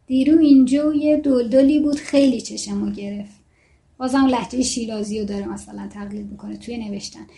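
Woman, native Gilaki speaker, mellow tone, relaxed lesson delivery with fillers and restarts. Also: fairly high pitch. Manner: chatty, thinking aloud with fillers and self-corrections. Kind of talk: casual lesson, reading book excerpts aloud.

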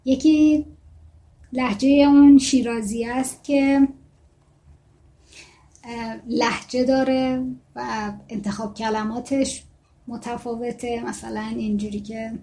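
Woman, native Gilaki speaker, mellow tone, relaxed lesson delivery with fillers and restarts. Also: a little high, pauses often. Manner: chatty, thinking aloud with fillers and self-corrections. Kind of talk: casual lesson, reading book excerpts aloud.

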